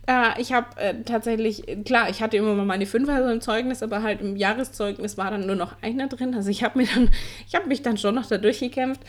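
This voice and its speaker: A woman in her forties hosting a podcast, telling her personal story in an earnest, candid way, with many fillers and restarts. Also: a little high. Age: 40s. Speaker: podcast host.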